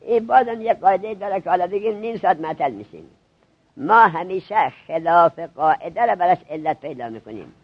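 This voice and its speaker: Husky-voiced man quizzing his students. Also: high voice, expressive, no room sound, highs cut off. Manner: drills students with rapid questions. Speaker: seminary teacher. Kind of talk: classroom grammar lesson.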